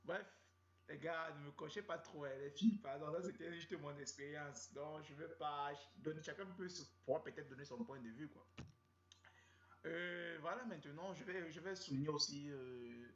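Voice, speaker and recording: Here a comedian storyteller with a Cameroonian French accent rambles through a funny story, using slang and repeating himself. He speaks at a moderate pace in a voice on the high side, and the recording is roomy with dull lo-fi sound.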